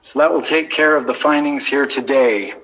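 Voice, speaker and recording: A man with an American accent speaking as a judge, giving a measured, deliberate formal ruling from the bench. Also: a little high, a bit bright, rough recording. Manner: measured, deliberate, procedural phrasing. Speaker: judge presiding over a court hearing. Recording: courtroom recording with background noise.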